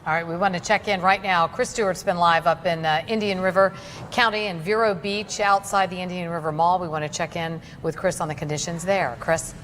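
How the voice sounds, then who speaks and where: Lowish-voiced American woman anchor in reverberant sound. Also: fairly even intonation, a little fast, fairly bright tone, slight background noise. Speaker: news anchor. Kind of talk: live news hand-off.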